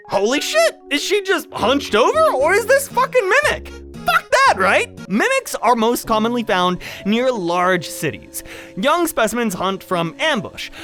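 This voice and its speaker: Speaking at medium pitch with a slightly bright quality, a video host swears freely while narrating a laid-back comedic explainer. The tone is sarcastic and mock-dramatic, set over background music.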